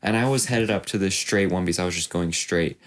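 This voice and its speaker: A man's voice: low-pitched, fast. Laid-back young man telling a story. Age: young adult. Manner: rambling storyteller, laughs often. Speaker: podcast co-host. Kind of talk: casual chat.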